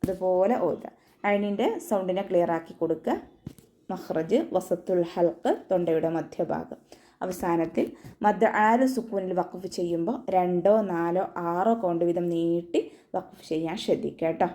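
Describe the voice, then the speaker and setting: Mellow-voiced woman teaching recitation. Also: lowish voice, moderate pace. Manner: calm step-by-step instruction with frequent tag questions. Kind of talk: online tajweed lesson.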